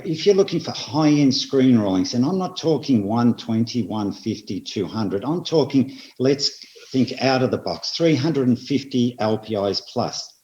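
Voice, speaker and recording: An Australian man presenting at an industry seminar, speaking in a measured way and hitting repeated phrases with emphasis. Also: medium pitch, darkish tone. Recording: roomy, slightly dull audio.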